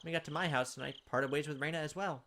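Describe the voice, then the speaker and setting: A let's play host with a fairly high voice reads game text aloud quickly, tossing in informal, playful commentary. Game music and other background noise can be heard.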